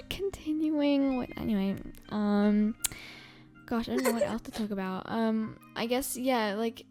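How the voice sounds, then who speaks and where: A woman's voice: on the high side, expressive, measured pace, music in the background. A young woman from Australia hosting a podcast, chatting casually and rambling with many fillers and laughs. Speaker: podcast host. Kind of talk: casual chat.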